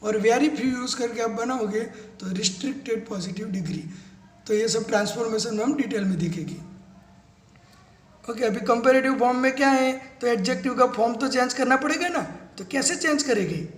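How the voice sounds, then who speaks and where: A man teaching English grammar step by step, spelling words out letter by letter and reading English definitions slowly. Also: very high voice, reverberant. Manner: mixes slow English definitions into quick explanations. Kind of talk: classroom-style grammar lesson.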